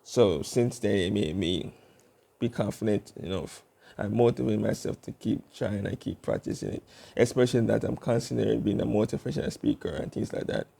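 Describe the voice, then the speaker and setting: A young man vlogging alone to his channel, his voice dark and mellow with a gravelly rasp at the edges. He rambles through fillers and restarts. He tries to keep his pace slow and deliberate. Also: on the low side. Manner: working to speak slowly and deliberately. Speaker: YouTube vlogger. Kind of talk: casual vlog monologue.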